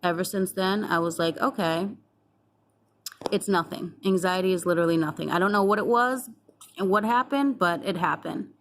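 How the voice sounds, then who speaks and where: A young woman with a slightly low voice talks straight to the camera in a loose, chatty vlog. She replays old conversations as she goes and swears without thinking twice. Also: normal speed, a little hiss or hum. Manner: chatty, acts out past conversations, swears freely. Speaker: vlogger. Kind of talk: casual storytelling to camera.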